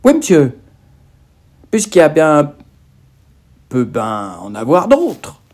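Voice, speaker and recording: A man's voice: a little high, huge pitch swings, slow pace, darkish tone, exaggerated voice. A man voicing naive country boys answering catechism questions, hesitant and rustic in speech. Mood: eager, flustered.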